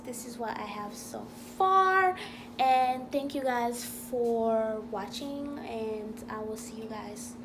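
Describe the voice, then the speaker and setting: A woman chatting casually and informally to her viewers as a home cooking vlogger, unscripted, in a kitchen. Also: fairly high pitch. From Haiti or Haitian family. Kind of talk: casual vlog chat to viewers while cooking. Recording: clearly noisy home recording.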